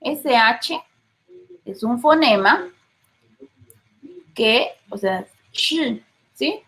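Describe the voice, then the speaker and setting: Poor audio captures a woman teacher with a Guatemalan Spanish accent giving a patient classroom lecture. Her voice is a little high, expressive and fairly bright, and she draws out her words. She often checks in with her listeners through frequent rhetorical questions.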